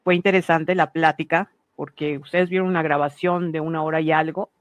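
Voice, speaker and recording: A woman's voice: sits low, steady tone, no room sound. A woman hosting a channel and interviewing a guest over a video call, friendly and full of questions. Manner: friendly, inquisitive, quick questions. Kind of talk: casual interview chat.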